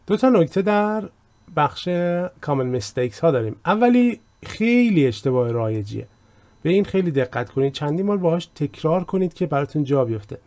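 A man teaching an English vocabulary lesson, reading example sentences out slowly and explaining them. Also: on the high side, very animated, dark tone. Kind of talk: language lesson.

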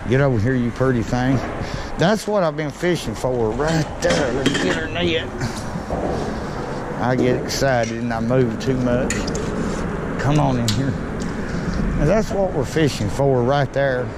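A man's voice: mid-range voice, a little slow, long pauses. A middle-aged man, giving casual folksy commentary while fishing from a small boat, recorded on a body-worn action camera. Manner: folksy, excitable when fish bite. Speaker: fishing vlogger. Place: small boat on a lake under a bridge, outdoors. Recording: outdoor noise on action cam.

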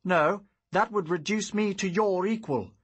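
A man's voice: high voice, measured pace, husky, voice pushed up, exaggerated voice. A man voicing a defiant young man who confronts his estranged father, raising his voice in an audiobook reading. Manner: defiant, shouting back.

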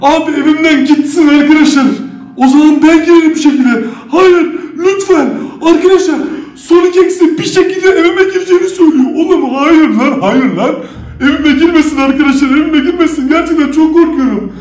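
A male YouTuber at home, chatting excitedly to viewers, loudly claiming to be scared and swearing now and then. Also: extremely high pitch, a little fast. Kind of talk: staged scary chat to viewers. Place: indoors at home. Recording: roomy echo with faint music.

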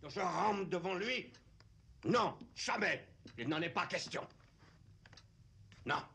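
Proud, gravelly German field marshal. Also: male voice, high-pitched, animated, slow, bright, forceful tone, exaggerated voice. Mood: proud outrage. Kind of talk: French film dub, war drama acting.

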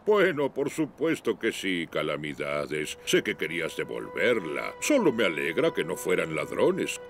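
A man voicing a good-natured cartoon vehicle, gravelly and kindly. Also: deep voice, huge pitch swings, a little slow, exaggerated voice. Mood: kindly, reassuring. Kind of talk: animated cartoon dub.

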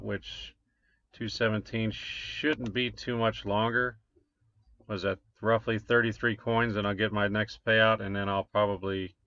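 Man, 40s, low-ish gravelly voice, casual screen-share vlogger, lo-fi dull sound. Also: sharp tone, dry recording. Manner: rambling, reads numbers aloud with many "um"s. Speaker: crypto mining vlogger. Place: small room at a desk. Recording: dull lo-fi desk recording.

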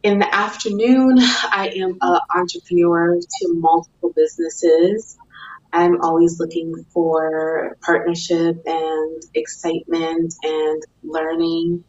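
A woman from Massachusetts, a life coach, introducing herself on a video call in an upbeat, deliberate way. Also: lowish voice, steady tone. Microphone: video call webcam. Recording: roomy, distant, dull webcam sound.

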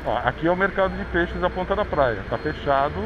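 Brazilian man, slightly high voice, chatty tour-guide narration, dull handlebar-cam audio with street traffic noise. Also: expressive, brisk. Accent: Brazilian Portuguese. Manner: chatty tour-guide commentary, pointing things out. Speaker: vlogger. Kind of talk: narrated bike ride. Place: outdoors on a city bike path. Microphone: action camera on handlebars.

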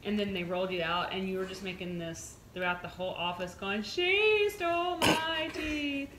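A woman telling a funny story in a casual chat, acting out the lines of others with lively mimicry. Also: quick pace, reverberant, very noisy. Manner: animated, mimics others in a higher voice. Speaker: storyteller recounting events.

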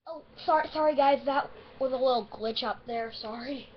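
A woman with the hiccups giving rambling, excitable let's-play commentary on a strategy game. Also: sits high, normal speed, highs cut off, slight background noise. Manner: chatty, easily excited, rambling. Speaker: gaming video host.

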